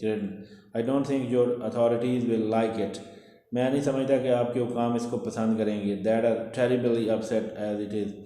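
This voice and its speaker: A man with a Pakistani accent, an English teacher reading a textbook aloud and translating it word by word in a slow, deliberate way. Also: mid-range voice, fairly even intonation, dark tone. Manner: slow, deliberate reading, repeating words with meanings. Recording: echoey hall with long reverb.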